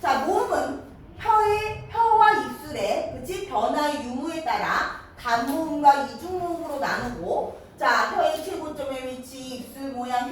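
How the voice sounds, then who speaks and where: A woman teaching a middle school grammar lesson, lively and coaxing, checking in with her students again and again. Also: high voice, a little hiss or hum. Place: classroom. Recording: echoey classroom, mic far off.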